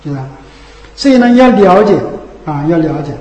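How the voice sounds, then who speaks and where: High-voiced man preaching in an echoey hall. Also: lively intonation, moderate pace, muffled recording. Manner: keeps asking rhetorical tag questions; drops low and soft on the tag questions. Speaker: Buddhist teacher. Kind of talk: Dharma sermon. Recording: echoey hall with long reverb.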